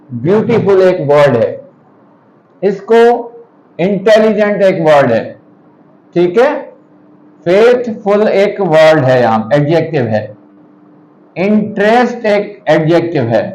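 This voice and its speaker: A man's voice: high-pitched, darkish tone, low-quality recording. A man teaching an English grammar lesson, patiently explaining step by step with example sentences.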